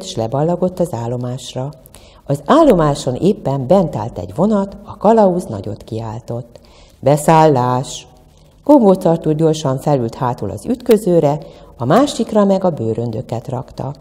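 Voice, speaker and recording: A woman's voice: low-pitched, mellow, long reverb tail. A woman, a museum educator, telling a children's story expressively. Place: museum room.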